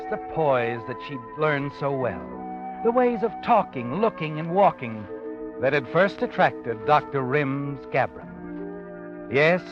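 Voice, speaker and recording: The Whistler, an actor's ominous high-pitched radio storyteller. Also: male voice, natural voice. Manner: brooding, theatrical, knowing. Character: the Whistler, ominous all-knowing night-walking male storyteller. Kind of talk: 1940s radio mystery narration. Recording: dull vintage radio recording. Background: dramatic music.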